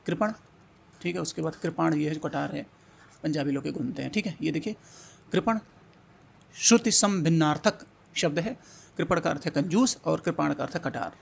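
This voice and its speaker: A man's voice: fairly high pitch, normal speed, gravelly, long pauses, slight background noise. A man teaching a Hindi exam-prep lesson, repeating words and coaxing students to think and answer. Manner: repetitive, coaxing questions to students.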